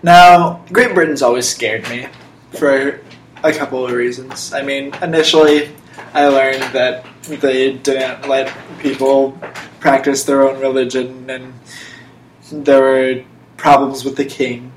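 He's a young adult podcast host with a medium-pitched, fairly even, slow voice, chatting casually and spinning playful monologues in a mock-serious, emphatic tone. Roomy echo and faint background noise are audible.

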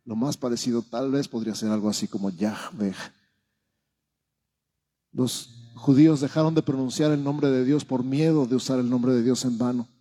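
A man's voice: mid-range voice, moderate pace, mellow, breathy edge. A man preaching a Sunday sermon as pastor, explaining patiently and building into emphatic repetition during a church service.

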